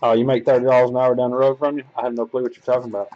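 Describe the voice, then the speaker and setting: A man's voice: medium pitch, flat delivery, very fast, dull audio. A man hosting a sports card break, reading out team assignments and chatting loosely with viewers, swearing freely. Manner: loose, profane, rambling talk to viewers.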